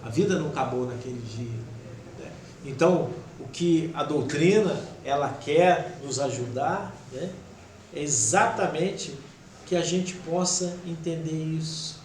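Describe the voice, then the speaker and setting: A man giving a devotional spiritist talk with a Brazilian Portuguese accent, emotional, swinging between loud urging and soft, hushed passages. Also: fairly high pitch, a little slow. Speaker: spiritist lecturer. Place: spiritist center hall. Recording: echoey hall with faint background noise.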